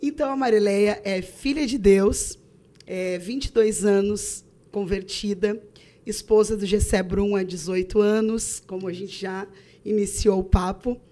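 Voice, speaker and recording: A woman pastor answers questions in a podcast interview. Her voice is mid-pitched and her delivery measured and earnest. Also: steady tone, dark tone. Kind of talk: podcast interview self-introduction.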